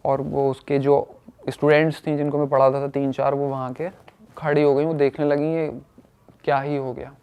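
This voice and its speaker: A young man casually telling a personal story, animated and acting out what others said. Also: medium pitch, moderate pace, clear, resonant tone. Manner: animated, acts out quoted speech.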